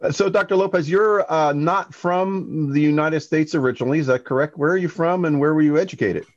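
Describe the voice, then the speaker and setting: A man's voice: a little high, brisk, highs cut off. A man hosting a webinar who interviews his guest in an upbeat way, with many fillers and frequent praise. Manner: upbeat, many fillers, keeps saying "fantastic". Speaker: webinar host.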